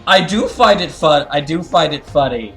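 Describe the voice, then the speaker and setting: Music plays behind a higher-voiced man who streams with an animated, slightly bright delivery at a moderate pace. Hosting a live fandub, he offers casual commentary, chats with viewers, and reads game dialogue, rambling as he explains and often restarting sentences.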